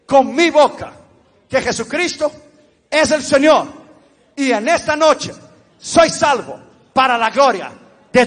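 A man preaching an altar call, pleading with listeners and then praising loudly. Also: extremely high pitch. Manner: pleading, then exultant and shouting. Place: large church hall. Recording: reverberant hall with music and congregation.

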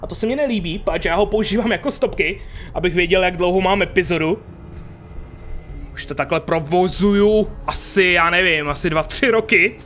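A man's voice: sits high, a bit bright, faint music behind. A man giving casual, joking commentary while playing a video game, chatting to the audience and swearing at enemies. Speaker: gaming youtuber. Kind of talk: casual let's play commentary.

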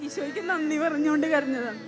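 A high-voiced woman answers a preacher in short, tearful replies, her words tumbling out quickly. She is picked up off-mic, with music plain behind her. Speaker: congregant giving a testimony.

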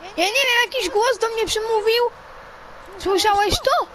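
A woman's voice: very high-pitched, measured pace, background noise. A woman voicing a puzzled young son in a fan game role-play, confused and questioning.

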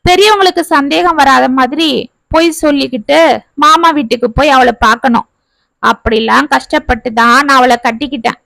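A woman voices a young married man in a spoken family story. He sounds earnest and remorseful, reflecting on how he treated his wife. The voice sits high and the recording is close and dry. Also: gravelly, fairly bright tone, no room sound. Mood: reminiscing. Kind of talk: storytelling narration.

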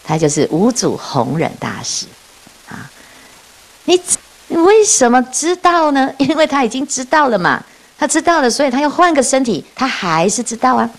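A woman's voice: sits high, normal speed. A woman giving a dharma talk as a Buddhist nun, telling stories with frequent laughs and rhetorical questions. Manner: lively storytelling, often laughing and asking rhetorical questions.

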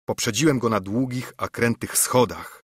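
A man narrating an audiobook in a measured, formal way. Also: mid-range voice, breathy edge, dry recording, studio quality.

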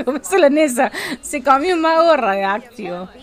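Woman, Rioplatense accent, high voice, giggly teasing gameplay chatter, desk mic. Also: animated, normal speed. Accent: Rioplatense Spanish. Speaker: streamer playing a life-sim game. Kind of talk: casual gameplay commentary.

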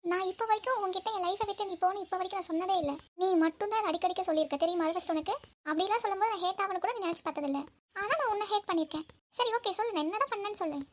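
Cartoon role: an angry young lover, very high, rattles off reproaches. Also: female voice, rapid-fire. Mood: hurt. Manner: reproachful, demanding. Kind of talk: cartoon voice acting.

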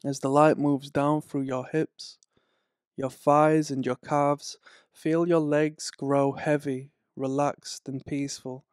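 A man reading a slow, soothing guided relaxation and hypnosis script in a measured way. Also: a little high, little pitch movement, a little mellow, clear, resonant tone, no room sound, studio quality.

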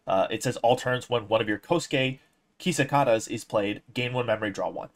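A young man giving casual, opinionated commentary on a card game, explaining his points in a measured way. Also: mid-range voice. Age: young adult.

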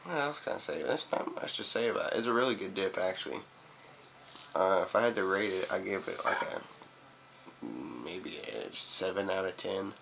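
A young man with a deep, gravelly, slightly bright voice rambles and swears at a normal speed, chatting casually to camera with chewing tobacco in his mouth. He's a video reviewer sitting in a small indoor room by a window, and the webcam-style recording is noisy.

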